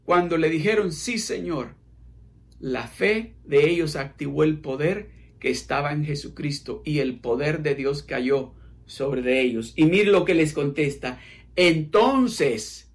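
A man preaching a sermon with passion, rising to loud cries and dropping to hushed prayer. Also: on the high side, a little slow. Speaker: pastor.

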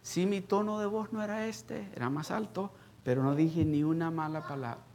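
A middle-aged man preaching a sermon, telling a personal story in a conversational way that swells into loud, emphatic passages. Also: on the high side, normal speed, slight background noise. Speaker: pastor.

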